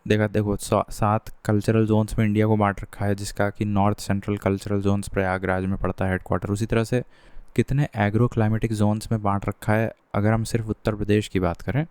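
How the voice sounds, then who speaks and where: A man, teaching an exam-prep lesson in a casual way. He reads quiz questions aloud slowly, then talks the answers through with students. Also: fairly low pitch, level tone, a little mellow, clean tone, dry recording. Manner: slows down to read questions aloud, then chats quickly.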